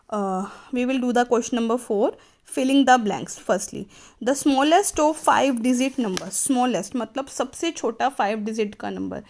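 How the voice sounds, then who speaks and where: A woman teacher with an Indian accent explaining a maths lesson, slow and careful in English and switching to quick Hindi asides. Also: high voice, darkish tone.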